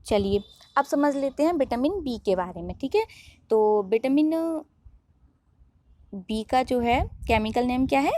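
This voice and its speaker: A woman's voice: on the high side, animated, measured pace, long pauses, warm tone, no room sound. A woman teaching a biology lesson online, who asks questions and answers them herself.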